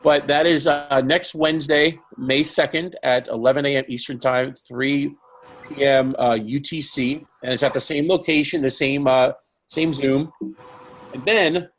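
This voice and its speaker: Male webinar host, mid pitch, loose rambling delivery. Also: steady tone, a little slow, a little hiss or hum. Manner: rambling, many fillers and restarts. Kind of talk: casual live webinar hosting.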